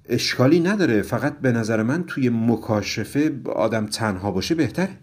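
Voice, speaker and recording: Man doing a bossy older father-in-law, loud, commanding, husky. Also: mid-range voice, animated, pitched above the performer's own voice, close to an everyday voice. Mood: hesitant. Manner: loud, commanding, slow when praising.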